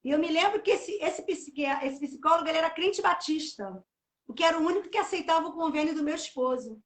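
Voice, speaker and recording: A woman's voice: sits high, fast talker, roomy sound. A middle-aged woman telling an emotional personal testimony, talkative and full of "né". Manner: talkative, emotional storytelling with many "né". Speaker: host of a live church chat series. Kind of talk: casual testimony chat.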